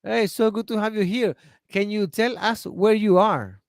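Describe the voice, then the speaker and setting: A man with a Chilean accent leads an online English class over a video call, upbeat and encouraging, slowing down so learners can follow. His voice sits a little higher than most men's. The recording is dry and close, with no room echo. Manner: animated, encouraging, slow and clear for learners. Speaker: English teacher.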